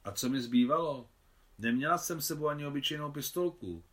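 A man's voice: a little high, fairly bright tone, lightly acted. A man voicing a bold young Russian countess.

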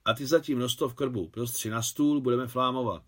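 A man's voice: mid-range voice, a bit bright, lightly acted. A man reading the lines of an older émigré woman in an audiobook, his voice lifted and exclamatory. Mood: brisk.

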